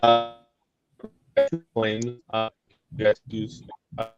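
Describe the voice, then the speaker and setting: A man on a video call, speaking in halting broken-off phrases while his choppy, glitchy audio keeps cutting out. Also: on the low side, completely flat delivery, loud music behind the voice. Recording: dull lo-fi video call line.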